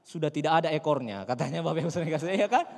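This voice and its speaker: Pastor preaching in a reverberant church. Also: male voice, a little high, very fast, vocal fry, a little mellow. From North Sumatra, Indonesia. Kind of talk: sermon. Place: church sanctuary.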